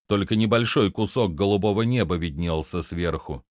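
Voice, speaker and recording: A man narrating a fantasy tale as an audiobook, in an expressive storytelling manner. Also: sits low, normal speed, no room sound, clean studio sound. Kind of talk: scripted fairy-tale narration.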